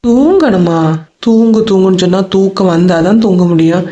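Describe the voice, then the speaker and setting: A woman's voice: mid-range voice, moderate pace, warm tone, dull audio, lightly acted. A woman voicing a cheeky little girl in a cartoon, with a Kanyakumari Tamil accent, bossy, giggly and demanding. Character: cheeky little girl insisting she is big.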